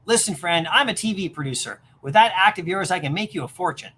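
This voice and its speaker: A woman reading aloud as a fast-talking male TV producer who makes a pushy sales pitch. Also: lively intonation, a bit bright, husky. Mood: enthusiastic.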